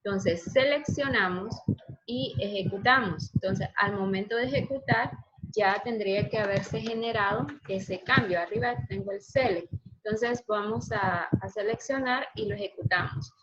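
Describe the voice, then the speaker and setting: A woman's voice: mid-range voice, moderate pace, fairly bright tone, slightly rough. A woman teaching a programming class, patiently asking her students questions as she explains. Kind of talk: online class lesson. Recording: dull lo-fi sound, faint noise.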